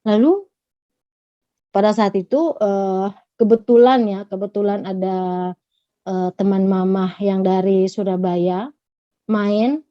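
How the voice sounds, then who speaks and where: A woman from Gorontalo giving a personal testimony, retelling her story in a halting, earnest way. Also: mid-range voice, fairly even intonation, dry recording. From Gorontalo, Indonesia. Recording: dull lo-fi recording.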